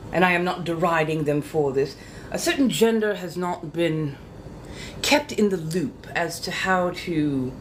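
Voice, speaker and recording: Theatrical, playful woman with lively, swooping intonation. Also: on the low side, a little hiss or hum. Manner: theatrical, arch old-fashioned ladylike diction, coy and playful, repeating phrases. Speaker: livestream host. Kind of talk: casual livestream chat to followers.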